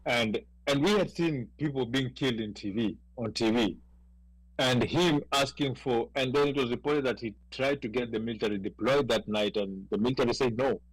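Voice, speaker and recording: A man's voice: mid-range voice, moderate pace, husky, no room sound, rough recording. Emphatic Kenyan man, dry sound. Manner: emphatic, insistent, repeats words when pressing a point. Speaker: panelist. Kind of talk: casual panel discussion.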